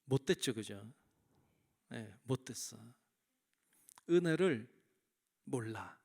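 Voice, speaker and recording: Gravelly-voiced male pastor preaching. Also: medium pitch, lively intonation, takes it slowly, a little mellow. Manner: storytelling, asks the congregation questions. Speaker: senior pastor. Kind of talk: sermon. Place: church.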